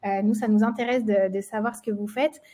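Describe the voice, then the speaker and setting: With a mid-range, dark-toned voice and fairly even intonation, a French marketing manager runs a live webinar at a fairly quick pace. She hesitates and restarts often, uses many fillers, and has a slight frog in her throat.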